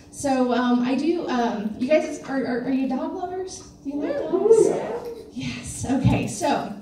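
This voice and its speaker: On a comedy club stage, a woman with a slightly high, warm voice does a stand-up set, chatty and self-deprecating, and keeps asking the crowd questions. The recording is echoey and distant, picked up from across the club with the crowd, and audience laughter fills the background.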